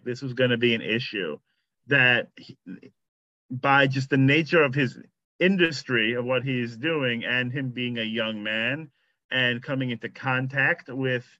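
A man's voice: mid-range voice, bright, forceful tone, no room sound. A man in his thirties, a rabbi leading a Torah study, talking in a loose, conversational way with lots of "you know" and restarts. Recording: slightly muffled lo-fi audio.

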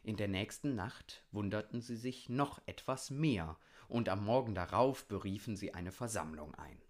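A man reading a children's bedtime story aloud in a calm, gentle storytelling manner. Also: lowish voice, normal speed.

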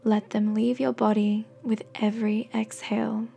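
A woman with a soft, breathy voice gently and slowly guiding a meditation in soothing, encouraging scripted narration. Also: a little high, flat delivery, soft background music. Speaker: guided meditation host.

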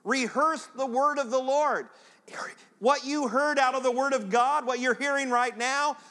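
A man's voice: extremely high pitch, bright, forceful tone, in a large hall. A man preaching a sermon as pastor, chatting straight to the congregation in a conversational way.

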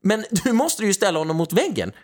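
A man's voice: high voice, big pitch swings. Guy ranting sarcastic about politics, voice jumps all over the place. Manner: ranting, sarcastic, mocking impressions. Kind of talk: casual political chat.

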